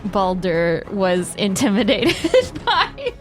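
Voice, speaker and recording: Slow, hesitant woman playing a tabletop game. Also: mid-range voice, huge pitch swings, faint music behind. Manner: hesitant, searching for words. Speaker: player.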